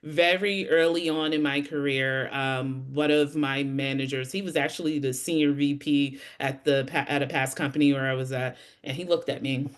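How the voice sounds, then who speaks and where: A woman sales rep telling stories with lively expression on a webinar panel over a video call. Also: rumbling low, moderate pace, hardly any pauses.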